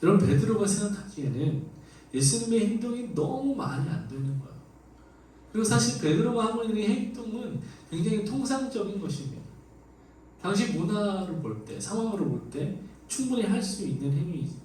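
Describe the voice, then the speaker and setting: Echoey animated Korean-church pastor, far off. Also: male voice, high voice, a little fast, slight background noise. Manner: animated, acts out quoted lines in raised voice. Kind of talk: expository sermon. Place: church sanctuary.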